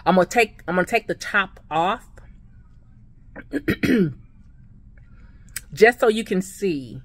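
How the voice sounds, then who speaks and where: A woman with a slight lisp, speaking with new veneers in an excited, gushing casual vlog to her viewers. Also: mid-range voice, takes it slowly. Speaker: vlogger. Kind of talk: casual product review vlog.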